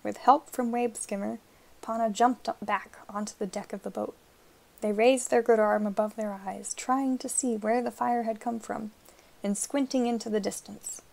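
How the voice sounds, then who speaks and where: Gravelly-voiced woman narrating an audiobook. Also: mid-range voice, a little mellow.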